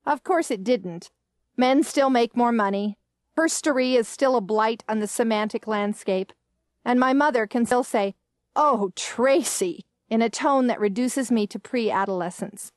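A woman with a fairly high voice narrates a first-person story in a wry, understated manner. The recording is dry and close, with no room sound. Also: moderate pace, darkish tone, no room sound. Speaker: audiobook narrator.

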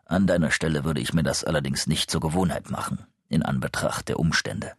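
A man voicing a middle-aged male psychologist in an audiobook, speaking smoothly, evenly and with quiet insistence. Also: rumbling low, brisk, dry recording, clean studio sound, voice pushed down, full character voice. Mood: probing. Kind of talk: audiobook character reading.

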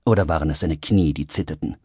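A man narrating an audiobook in a vivid, expressive storytelling manner. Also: a bass voice, fast talker, slightly rough, no echo. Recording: dry studio recording.

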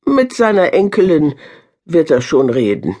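A woman voicing a hurried, defensive young woman in a storybook reading, firm and brisk. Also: low voice, sing-song, a little mellow, heavily acted.

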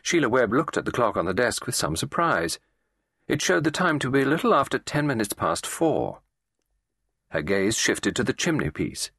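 A man reading a classic mystery as an audiobook narrator, measured and expressive. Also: mid-range voice, breathy edge, no echo, clean studio sound.

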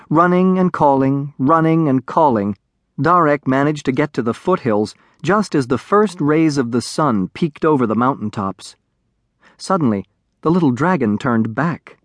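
Expressive male audiobook narrator. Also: medium pitch, a little slow, no room sound. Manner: expressive, varied storytelling voice. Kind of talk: scripted children's audiobook narration.

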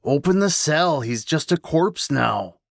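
A man's voice: on the high side, very animated, slow, creaky, husky, no room sound, clean studio sound, pitched above the performer's own voice, full character voice. A male narrator voicing an evil, menacing spirit that whispers commands into a guard's head.

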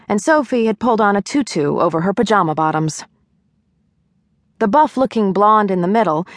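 A woman's voice: medium pitch, dry recording, clean studio sound. A woman narrating a novel in the first person, with wry, lightly comic storytelling. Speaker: audiobook narrator.

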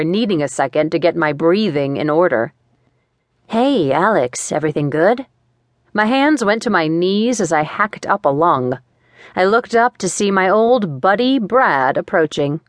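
A woman reading a first-person thriller aloud in a measured, matter-of-fact way, on a studio microphone. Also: fairly low pitch, dry recording. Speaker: audiobook narrator.

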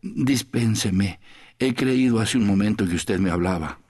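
A man's voice: on the low side, unhurried, a little mellow, husky, voice pushed up. A man voicing a small, nervous, evasive stranger in an audiobook, speaking hesitantly with stammers. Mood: apologetic. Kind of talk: audiobook character voice.

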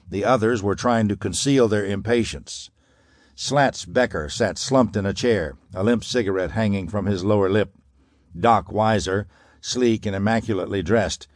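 A man narrating a 1930s pulp crime thriller audiobook in a dramatic, measured way. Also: fairly low pitch, a little mellow, no echo, studio quality.

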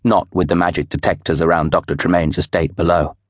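A man giving measured, expressive scripted narration of a novel for an audiobook. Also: sits low, no room sound, clean studio sound.

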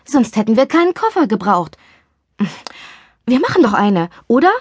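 A woman's voice: on the high side, very animated, moderate pace, breathy edge. A woman doing an eager young best friend. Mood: eager, pouting.

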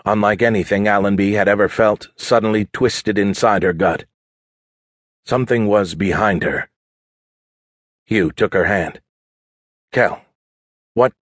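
Low-voiced male audiobook narrator. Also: no echo, studio quality. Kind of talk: scripted narration.

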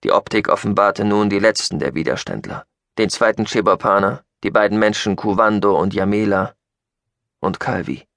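A man narrating a science-fiction audiobook in an expressive, scripted reading. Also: on the low side, moderate pace, gravelly, no echo.

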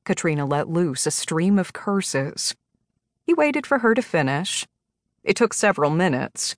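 A woman narrating a romance audiobook in an even, measured reading. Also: on the low side, no echo, studio quality.

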